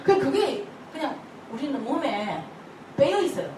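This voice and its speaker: An older woman pastor, preaching an animated sermon full of stories, acting out church members' voices and laughing often. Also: sits high, a little slow. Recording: echoey hall from far off, noisy ambience.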